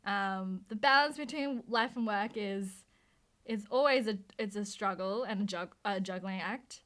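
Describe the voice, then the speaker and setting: A woman in her thirties, from Hong Kong and raised in Australia, discusses her motion design career in an interview. She speaks at a measured pace in a fairly bright, mid-range voice, chatty and prone to fillers and restarts.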